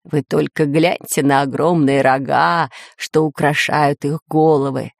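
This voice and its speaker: Storybook professor, excitable man, read by a woman; close and dry. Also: deep voice, unhurried, gravelly, dry recording, voice pushed down. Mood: explaining. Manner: explaining, then alarmed shouting. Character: learned excitable male professor. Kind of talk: storybook reading.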